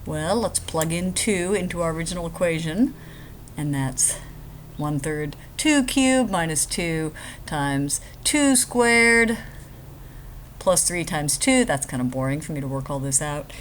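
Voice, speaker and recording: A woman's voice: sits low, expressive, a little slow, a little hiss or hum. A woman math instructor giving a casual, chatty screen-recorded lecture, explaining step by step with joking asides.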